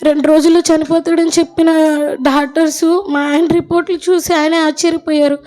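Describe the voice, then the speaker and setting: Young woman, high voice, heartfelt church testimony. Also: level tone, a little fast, darkish tone. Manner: emotional, earnest storytelling. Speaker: church member giving a testimony. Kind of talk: personal testimony at a church gathering.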